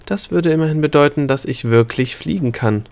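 A man's voice: on the high side, brisk, creaky, a little mellow, voice pushed up. A wide-eyed young princess, as a man puts her on in a storybook reading, her voice lifted well above his own and full of eager questions. She sounds frail but curious. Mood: amazed. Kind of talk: audiobook reading.

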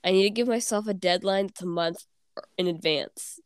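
A woman's voice: medium pitch, normal speed, clear, resonant tone, dry recording, studio quality. Congested teenage girl, chatty podcast co-host. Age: teens. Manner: chatty, giggly, rambling. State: congested from a cold. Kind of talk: casual chat.

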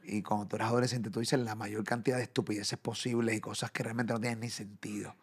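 A man's voice: lowish voice, level tone, fast talker, breathy edge. A man in his forties with a Puerto Rican accent, hosting a podcast in crude, boisterous casual banter. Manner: boisterous, profane, loud mock impressions. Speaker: podcast host.

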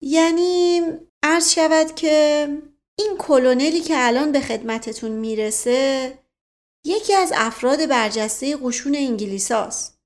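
An anxious middle-aged colonel, read by a woman narrator, hesitant and halting, a touch higher than her narration. A spoken storybook voice. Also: close to an everyday voice.

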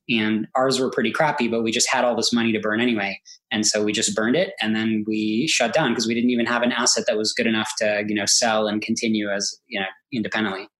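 Here a talkative Silicon Valley tech entrepreneur, an American in his thirties who was born in Israel, appears as a guest in a casual interview, scattering "like" and "you know" throughout. He has a mid-range voice, captured on a rough recording.

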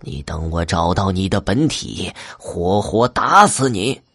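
A man playing a stern old beggar who subdues spirits, speaking slowly and gruffly. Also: deep voice, expressive, fairly bright tone, no echo, studio quality, full character voice.

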